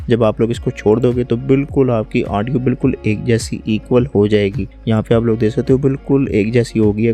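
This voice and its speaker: A man walks viewers through a software tutorial, calm and step by step, often calling them "friends". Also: medium pitch. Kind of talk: screen-recorded software tutorial.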